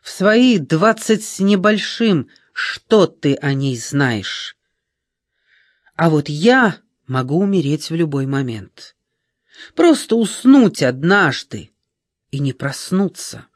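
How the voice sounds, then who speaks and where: Man voicing old woman, sharp-tongued, scornful, lively swooping delivery, slow, dry close sound. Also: on the high side, no room sound, heavily acted. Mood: furious. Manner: scornful, indignant outbursts. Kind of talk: audiobook character reading.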